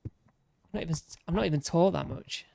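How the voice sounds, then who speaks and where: Showing off builds he made on a game stream, a man rambles loosely and keeps breaking into his own sentences while his voice gives out. He speaks briskly in a slightly high, slightly mellow voice with vocal fry, and there's no room sound.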